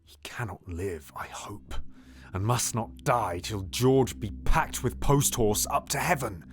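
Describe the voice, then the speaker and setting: A man's voice: on the low side, animated, unhurried. A man playing a scheming, sardonic, silkily seductive duke in a Shakespearean audio drama, theatrical and insinuating. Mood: gleeful plotting. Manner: theatrical, insinuating, drops into whispers.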